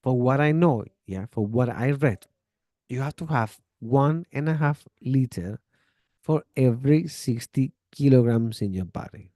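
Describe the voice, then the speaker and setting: Male English teacher, casual and chatty, warm mellow tone, mid pitch. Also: no room sound, studio quality. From Chile. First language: Spanish. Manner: chatty, relaxed, gives friendly advice with acted-out example dialogues. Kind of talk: casual spoken lesson.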